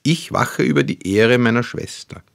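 A man voicing a hot-headed, self-righteous youngest brother who talks excitedly and insistently. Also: deep voice, unhurried, no echo, clean studio sound. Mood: eager, accusing.

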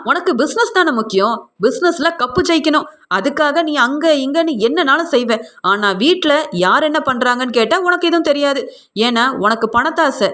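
An angry middle-aged father lays blame on his ex-wife in a hectoring, accusing way, read out by a woman narrator. The voice stays high and plain. It belongs to a spoken retelling of a TV serial. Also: a bit bright.

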